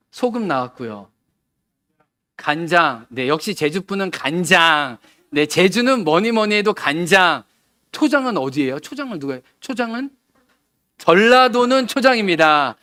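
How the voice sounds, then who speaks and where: A man's voice: a little high, fairly bright tone, no room sound, clean studio sound. A man from Seoul preaching a Sunday sermon, talking easily with his congregation and asking them questions. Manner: conversational, asks the congregation questions. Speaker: pastor. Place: church sanctuary.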